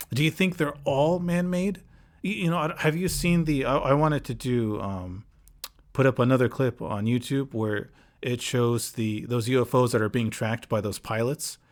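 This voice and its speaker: A man's voice: medium pitch, normal speed. A man with a slight foreign accent hosting a casual podcast chat, rambling and restarting his sentences. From United States. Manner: rambling, restarts often, animated retelling. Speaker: podcast host.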